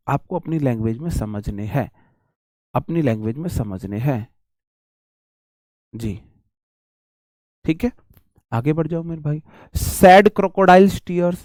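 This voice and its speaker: A man from India gives a casual, chatty lesson on English idioms, framed as a Hindi vocabulary session, calling students "bhai" (brother) and "ji" and repeating phrases. His voice is fairly high with a darkish tone, recorded dry in studio quality.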